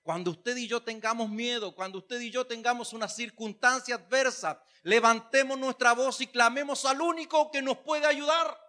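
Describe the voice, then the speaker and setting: Male pastor, high bright voice, folksy humorous sermon delivery. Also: steady tone, moderate pace, few pauses. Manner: conversational preaching with humor, rising to emphatic calls.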